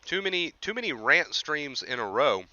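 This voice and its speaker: A young anxiety recovery coach hosts a motivational livestream, ranting to live chat emphatically and informally, repeating himself and often asking "right?". His voice sits high, very animated and pushed bright at a moderate pace, tiring from overuse. The sound is lo-fi.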